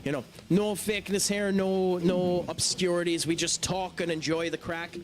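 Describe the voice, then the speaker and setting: A man's voice: high-pitched, level tone, moderate pace, a little hiss or hum. Easygoing Irish man streaming a game. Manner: chatty, easygoing, reads chat aloud. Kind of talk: casual live-stream chat.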